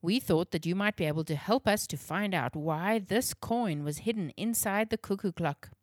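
A woman voicing a calm, friendly father in a storybook reading. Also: medium pitch, moderate pace, dry recording, studio quality, close to an everyday voice.

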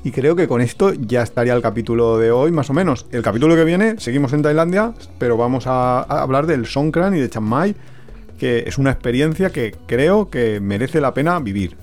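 A man's voice: mid-range voice, fairly quick, soft background music. A man with a Spain Spanish accent co-hosting a travel podcast, telling a story casually and acting out the dialogue. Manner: animated, acts out quoted dialogue.

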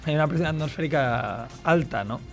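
A man's voice: on the high side, lively intonation, brisk, vocal fry. A man, hosting a radio show in a casual, jokey way. He reads news items and then mocks them, laughing often. A faint music bed runs under his voice. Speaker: radio host.

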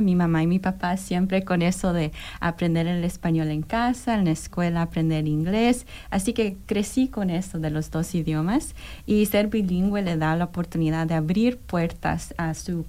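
A young woman from New York, a guest on an interview show, talking in an earnest, measured way with frequent hesitations. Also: fairly low pitch, mellow. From New York, United States. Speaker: guest, disaster program manager. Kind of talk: interview conversation.

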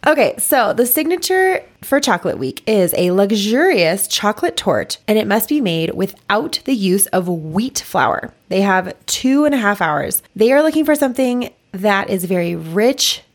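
A woman's voice: medium pitch, very animated, normal speed, few pauses. Chatty American woman recapping a show. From United States. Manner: chatty, laughing, recounting scenes. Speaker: podcast co-host. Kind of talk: casual recap chat.

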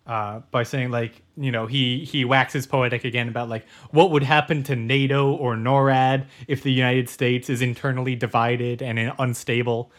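A man co-hosting a casual podcast chat, wry and halting, with many fillers. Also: medium pitch, flat delivery. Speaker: podcast co-host.

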